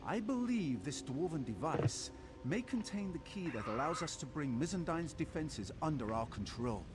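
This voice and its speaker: A man's voice: a little high, sing-song, normal speed, music in the background. A man voicing an eager, erudite scholar of ancient ruins in a video game, wordy and theatrical in his delivery. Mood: pleased, explanatory. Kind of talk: scripted video game character dialogue.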